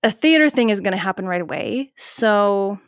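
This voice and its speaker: A woman musician chatting as a podcast guest, rambling and animated, acting out her own past remarks. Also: mid-range voice, normal speed, no room sound, clean studio sound. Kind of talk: casual interview chat.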